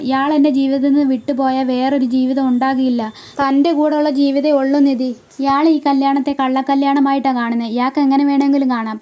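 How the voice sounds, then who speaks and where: Woman reading earnest young husband, high mellow voice, pleading, heartfelt. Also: close to an everyday voice. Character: earnest young man confessing love.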